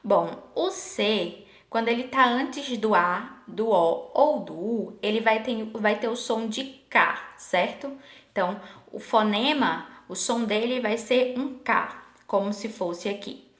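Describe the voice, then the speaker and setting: A rather high-voiced woman teacher speaks patiently to her class, asking questions and stretching out example words one by one. The sound is roomy and echoing. It fits a recorded online lesson. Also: fairly bright tone. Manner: patient, asks the class questions, slows to spell out sample words. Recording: echoey room.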